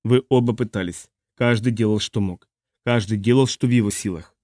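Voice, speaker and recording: A man reading the part of a steady older man who consoles the others in a low, calm voice. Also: moderate pace, no room sound, studio quality, lightly acted. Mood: consoling.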